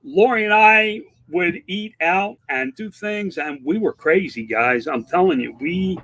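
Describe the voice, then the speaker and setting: A man's voice: high voice, measured pace, a bit bright, a little hiss or hum. Candid older-sounding man in his fifties, rambling. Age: 50s. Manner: candid, rambling, with many restarts and fillers. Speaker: online seller and livestream host. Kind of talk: casual livestream chat reading viewer comments.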